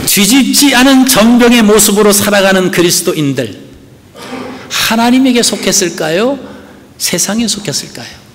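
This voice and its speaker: Man, pastor, earnest sermon, rhetorical questions, high voice, long hall reverb. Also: expressive, moderate pace, slight background noise. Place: church sanctuary.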